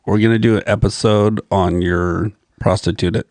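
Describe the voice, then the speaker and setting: A man's voice: fairly low pitch, steady tone, normal speed, a little mellow, dry recording, clean studio sound. A man co-hosting a casual podcast, ribbing a friend. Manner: joking, ribbing. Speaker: podcast co-host. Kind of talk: casual banter.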